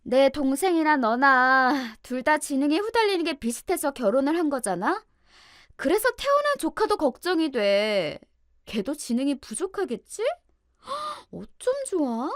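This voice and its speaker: A woman's voice: high voice, sing-song, a little slow, fairly bright tone, no echo, clean studio sound, pitched above the performer's own voice, heavily acted. A woman voicing a scheming, two-faced young sister-in-law who mocks, shrieks and whines in a storybook drama. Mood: mocking. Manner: mocking, then shrieking and whiny.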